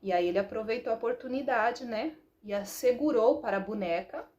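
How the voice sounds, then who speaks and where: Chatty Brazilian mother, slightly high voice. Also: fairly quick, highs cut off, slight background noise. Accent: Brazilian Portuguese. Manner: chatty, animated, keeps adding "né". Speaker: parenting talk host, mother. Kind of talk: casual storytelling talk.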